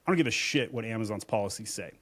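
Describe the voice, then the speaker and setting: A man's voice: lowish voice, lively intonation, rapid-fire, fairly bright tone. A man, an Amazon seller and agency owner, speaking as a guest in a casual podcast conversation in a blunt, emphatic way.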